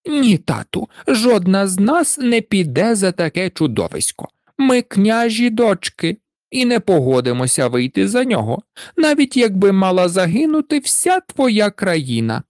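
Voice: mid-range voice, big pitch swings, measured pace, darkish tone, no echo, clean studio sound, pitched above the performer's own voice. A narrator voicing the haughty, scornful elder princess sisters of a storybook tale, mocking and disdainful. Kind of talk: storybook reading.

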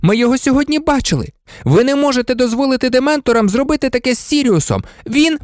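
A reader voicing a desperate, indignant teenage boy wizard in a storybook, in a high, urgent voice. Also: animated, fast, no room sound, clean studio sound. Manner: urgent, pleading, shouting. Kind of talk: audiobook reading.

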